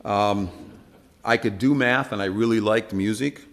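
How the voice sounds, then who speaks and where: A man's voice: lowish voice, a little slow. A man teaching an informal church Bible study, talking conversationally with many fillers and asking the room questions. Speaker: preacher teaching a Bible class.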